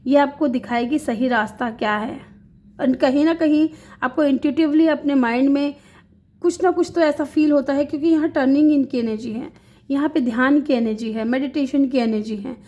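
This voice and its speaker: High-voiced woman giving a tarot reading. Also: a little mellow. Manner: reassuring, repeats short check-ins to the viewer; mixes English words into Hindi speech. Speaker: tarot reader. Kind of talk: tarot reading addressed to viewers.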